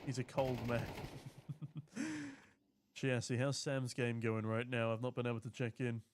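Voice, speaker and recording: Unhurried and mid-range, with little pitch movement, a British man casts an esports game by himself. He keeps it chatty and jokey, stopping between play calls to read the viewer chat out loud.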